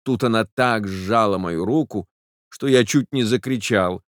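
A man's voice: fairly low pitch, a little slow, no echo, clean studio sound. A man narrating a literary audiobook in the first person, in a reflective, emotional way.

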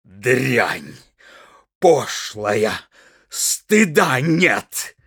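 A slightly drunk, bullying husband bellows at his wife, as a male reader puts him on. His voice climbs far above a normal speaking pitch into loud, strained yells. He drags out his threats slowly, ranting without letup. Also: animated, no echo, studio quality, full character voice. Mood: raging. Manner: shouting, berating, high strained yells. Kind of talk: dramatic audiobook reading.

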